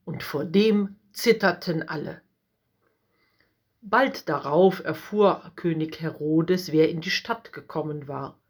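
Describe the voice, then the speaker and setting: Woman storyteller, scripted storybook narration, gentle, measured, low voice. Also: slightly rough.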